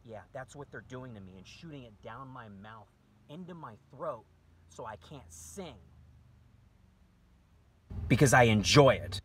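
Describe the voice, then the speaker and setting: A man in an angry monologue to camera, ranting and accusing, his voice swinging between shouting and low muttering, often swearing. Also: slight background noise. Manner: profane, accusatory.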